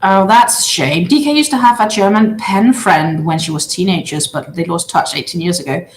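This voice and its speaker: Hosting a casual livestream at home, a woman in her thirties from Denmark reads viewer comments aloud and chats in a halting way full of filler sounds. She speaks Danish natively, with a Danish accent, at a fairly low pitch. Her big open-plan living room gives a roomy echo, with a little hiss or hum.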